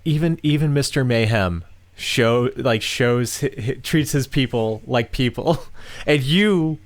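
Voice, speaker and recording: A man's voice: medium pitch, expressive, slow, dry recording. A man co-hosting a podcast in casual chat, teasing his co-host and swearing freely.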